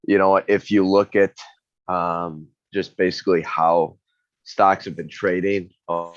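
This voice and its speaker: A man speaking as a guest fund manager over a video call whose audio breaks up and fades in and out, talking haltingly with many fillers. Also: sits low, little pitch movement, dry recording, muffled recording. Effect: video call audio breaking up, fading in and out. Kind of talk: casual market talk. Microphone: remote video call.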